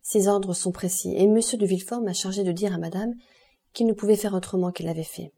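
A woman's voice: medium pitch, fairly even intonation, fairly quick, creaky, dark tone, husky. A woman reading as a polite male servant. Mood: apologetic. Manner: polite, apologetic. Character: deferential male house servant.

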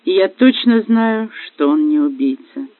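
A man's voice: high-pitched, lively intonation, a little slow, no room sound. A man voicing a desperate young wife who pleads through tears. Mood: pleading. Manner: pleading, tearful. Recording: dry, phone-like lo-fi.

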